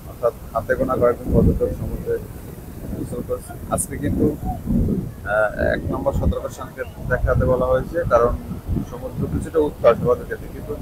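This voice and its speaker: A man with a Bangladeshi accent gives live on-location commentary as a reporter, speaking in halting, repetitive short bursts outdoors on a beach. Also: mid-range voice. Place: outdoors on a windy sea beach. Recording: very loud wind and waves on mic. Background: wind, surf noise.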